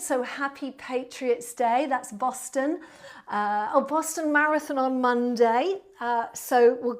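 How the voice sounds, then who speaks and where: Female Pilates host, southern English, lightly high-pitched, warm and chatty, informal address to online viewers. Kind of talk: casual livestream chat to viewers. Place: indoor studio.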